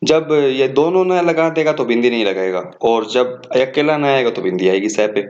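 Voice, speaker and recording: A man's voice: medium pitch, moderate pace, darkish tone, highs cut off. A man teaching an exam-prep class, reading out words one at a time and correcting the wrong forms. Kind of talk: exam coaching lecture.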